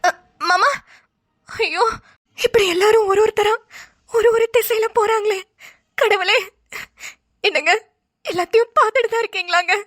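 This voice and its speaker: Tearful gentle mother. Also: extremely high pitch, moderate pace, pauses often, dry recording, clean studio sound. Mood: tearful lament. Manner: soft, pleading, tearful. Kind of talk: cartoon voice acting.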